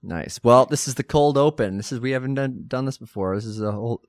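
A man hosting a comedy podcast backstage, chatting in a loose, rambling way. He breaks into quick asides and restarts his sentences. The sound is dry and close. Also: mid-range voice, dry recording. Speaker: podcast host. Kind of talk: casual backstage chat.

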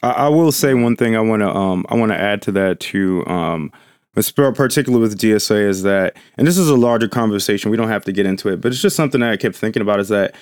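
A man hosts a loose panel discussion and talks fast. He hedges and circles his points, tossing in "right?" as he goes. His voice is close-miked and dry, with no room sound at all. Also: lowish voice, a little mellow, clean tone, no echo. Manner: rambling and hedging, filling pauses with "like" and "right?". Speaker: podcast host.

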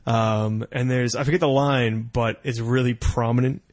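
A man's voice: medium pitch, fairly even intonation, normal speed, no room sound. A man in casual podcast chat, rambling and laughing often as he tells stories.

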